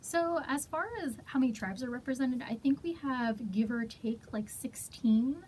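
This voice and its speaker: Woman guest on a studio radio show, fairly high voice, soft and hesitant, lots of ums, faint hiss. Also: moderate pace, rough recording. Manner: soft-spoken, hesitant, many fillers. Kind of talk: casual radio interview.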